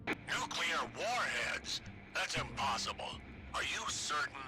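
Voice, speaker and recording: An actor playing a fatherly, serious army colonel in a video game, speaking as an earnest, measured military officer. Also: on the high side, big pitch swings, over music. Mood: alarmed. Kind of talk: dramatic video game dialogue.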